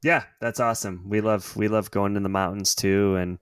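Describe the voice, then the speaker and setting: In clean studio sound with no echo, a male podcast host conducts a casual interview and then reads a scripted outro. He comes across as friendly, dropping frequent yeahs and hesitations. His pitch is fairly low with fairly even intonation, a clean tone and a moderate pace.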